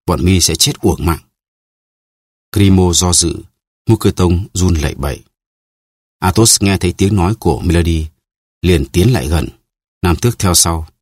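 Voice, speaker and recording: A man narrating an audiobook in a steady, even storytelling manner. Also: low voice, moderate pace, pauses often, husky, dry recording, studio quality. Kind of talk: scripted narration.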